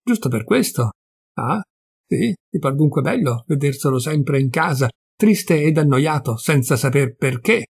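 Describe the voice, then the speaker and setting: A man's voice: a little high, animated, a little slow, gravelly, darkish tone, breathy edge, full character voice. A man reading a sad, anxious young wife in an audiobook of a classic story, in a plaintive, sighing way.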